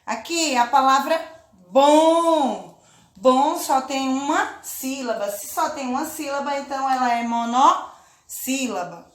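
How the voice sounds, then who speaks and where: A woman teaching a children's lesson, speaking slowly and patiently, drawing out words and often checking in with her listeners. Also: sits high, reverberant. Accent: Brazilian Portuguese. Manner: slow, patient, drawn-out syllables with check-in questions. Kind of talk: children's lesson, clapping out syllables.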